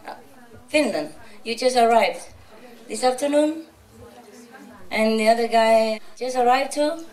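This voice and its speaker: A woman's voice: a little high, a little slow, darkish tone. A woman spiritual teacher giving an informal, chatty talk to a gathering, teasing and laughing often. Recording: roomy, from a distance.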